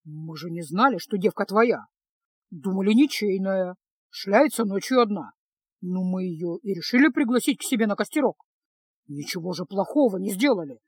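A woman's voice: medium pitch, expressive, normal speed, slightly rough, no echo. A woman reading a storybook, voicing a fawning, lying male bandit with a wheedling manner. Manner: wheedling, ingratiating.

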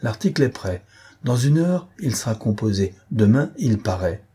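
A man voicing an imperious, menacing gentleman thief in an audiobook reading, with a forceful, threatening delivery. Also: medium pitch, very animated, moderate pace, husky.

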